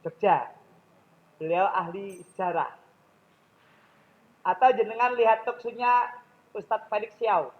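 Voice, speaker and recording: A man's voice: sits high, measured pace, pauses often, dull audio. A man with a Javanese accent giving a public speaking lecture in a mosque, often questioning his audience directly.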